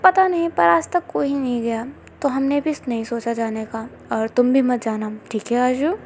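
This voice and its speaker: A woman voicing a gentle young male king in a read-aloud fanfiction story, speaking calmly and softly. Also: high-pitched, moderate pace, a little hiss or hum, voice pushed down.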